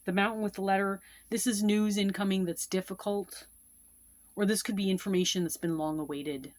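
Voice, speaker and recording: A woman's voice: mid-range voice, steady tone, moderate pace, darkish tone. A woman casually teaching card-reading meanings, repeating each point with fillers and asides. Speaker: tarot and Lenormand card reader teaching. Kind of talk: casual instructional explanation.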